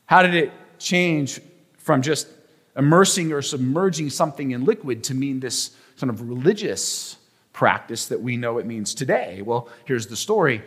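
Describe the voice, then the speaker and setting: A man preaching a sermon as pastor, telling stories with playful asides and teaching in an animated way. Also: mid-range voice, normal speed, husky, long reverb tail.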